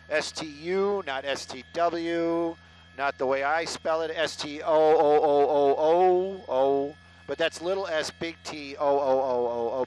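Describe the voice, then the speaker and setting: A middle-aged man reports traffic from a helicopter, talking into a headset in a slightly high voice. He rambles in a loose, joking way, sarcastic and self-deprecating. A faint engine hum sits behind him. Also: rough recording. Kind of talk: live casual on-air chatter. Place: inside a helicopter in flight.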